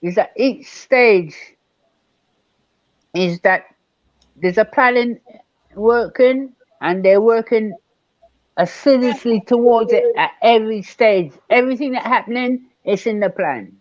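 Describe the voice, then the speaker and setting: An older man from Barbados, speaking as a guest elder in an online panel discussion, measured and emphatic, repeating key words. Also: sits high, no echo, dull audio.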